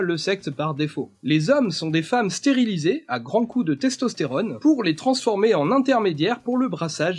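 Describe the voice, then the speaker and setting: A man narrating a scripted educational video in a steady explanatory way, sometimes posing rhetorical questions. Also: sits high, slightly rough.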